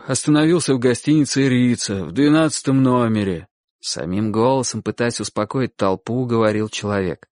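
A man reading a literary story aloud as an audiobook narrator, expressive and storytelling in manner. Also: medium pitch, dry recording, studio quality. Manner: expressive storytelling, acts out quoted shouts.

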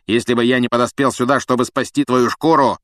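A man voicing a cruel, vengeful male professor who hisses threats and shouts in rage. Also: medium pitch, fairly even intonation, brisk, no room sound, studio quality, voice pushed up, natural voice. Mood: furious. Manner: hissing menace turning to shouting rage.

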